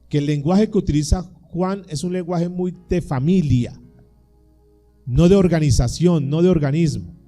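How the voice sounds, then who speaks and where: A man's voice: fairly high pitch, dark tone. A man preaching a sermon as pastor, earnest and acting out little scenes for the congregation.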